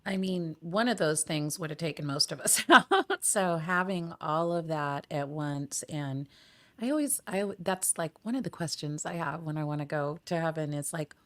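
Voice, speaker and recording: Woman, podcast host, croaky frog voice, hoarse from illness, very low pitch, conversational, chatty. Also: moderate pace. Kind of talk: casual conversational interview.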